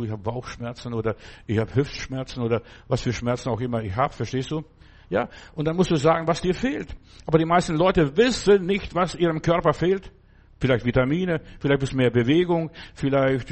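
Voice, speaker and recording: An older man from Germany preaching an informal sermon, talking conversationally and asking his listeners again and again whether they understand. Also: fairly high pitch. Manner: conversational, keeps asking "verstehst du?".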